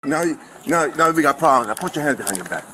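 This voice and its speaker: A man's voice: on the high side, very animated, fast. A male police officer giving blunt, informal, repeated commands during an arrest, on noisy body camera audio.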